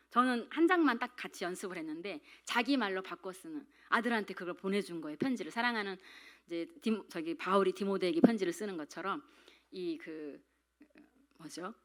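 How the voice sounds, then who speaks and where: A middle-aged woman giving a chatty talk on devotional Bible study at a prayer meeting, acting out little quotes and putting questions to the room. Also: medium pitch. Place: church hall.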